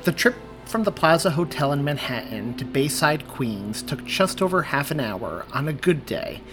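Over music, a podcast host reads a chapter of a story he authored, in the style of audiobook narration. His voice sits fairly high and has a sing-song quality, moving at a moderate pace, and he drops in warm, apologetic side comments.

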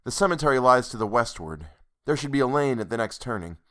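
A man's voice: medium pitch, lively intonation, a bit bright, pitched above the performer's own voice, close to an everyday voice. Man reading as a courteous young doctor. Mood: hesitant. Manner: courteous, brisk. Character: polite young doctor, a man, good-humored. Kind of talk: audiobook character voice.

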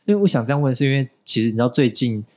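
A man's voice: medium pitch, expressive, racing, a little mellow. A man with a Taiwanese Mandarin accent hosting a casual chat, firing teasing questions and jokes. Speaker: podcast host.

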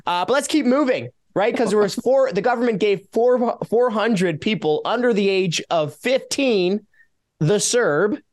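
A high-pitched Canadian man, appearing as a taxpayer advocate guest on a relaxed radio show, lists numbers with animated sarcasm. His delivery is a little slow.

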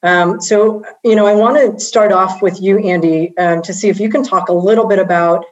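A woman moderating a panel, speaking gently and haltingly with many "um"s. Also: medium pitch, steady tone. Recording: slightly dull video-call audio.

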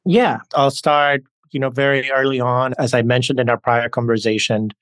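A man's voice: medium pitch, steady tone, moderate pace, a bit bright, smooth, no echo. A man from the Dominican Republic, a podcast guest, talking earnestly and reflectively through personal anecdotes. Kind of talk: conversational interview storytelling.

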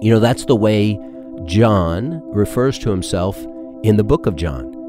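Earnest pastor over soft music. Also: male voice, on the low side, expressive, a little slow. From Texas. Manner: earnest, conversational preaching with rhetorical questions. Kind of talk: podcast sermon. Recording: with background music.

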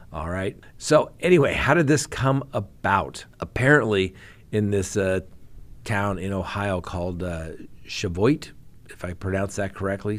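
A man with a slightly low voice hosts a crime news talk show. He reads out case details in a plain way, then breaks off with wry, animated jabs from his view as a criminal defense attorney. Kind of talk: casual commentary on crime news.

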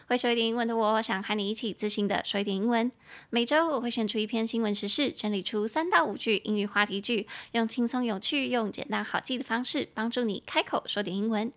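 A young woman with a Taiwanese Mandarin accent hosts a relaxed podcast English lesson. Her voice is bright and a little high, and she stays cheerful and giggly. She slows down to spell words out letter by letter. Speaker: podcast host and English teacher. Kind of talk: casual bilingual language lesson.

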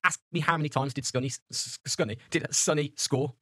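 A man's voice: a little high, fairly even intonation, a little fast, pushed and bright, slightly rough, no echo, clean studio sound. A man, co-hosting a casual podcast chat, slangy and laughing often. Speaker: podcast co-host.

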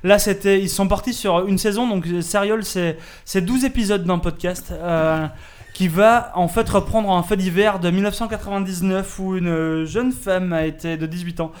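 A man's voice: high-pitched, normal speed. A man co-hosting a casual roundtable podcast, rambling along with lots of fillers and restarts. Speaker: podcast co-host.

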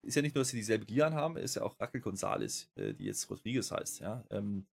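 A man's voice: fairly low pitch, huge pitch swings, fast, creaky, slightly rough. A man chatting casually on a wrestling podcast, rambling with lots of fillers and restarts and getting worked up as he goes. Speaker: podcast co-host.

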